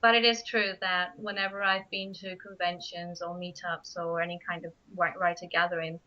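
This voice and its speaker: On this muffled radio studio recording, captured with a studio microphone, a woman guest writer from Spain, a native Spanish speaker, talks about her writing in a radio interview. She often restarts hesitantly. Her pitch sits fairly low, her tone is level, bright and forceful, and her pace is moderate.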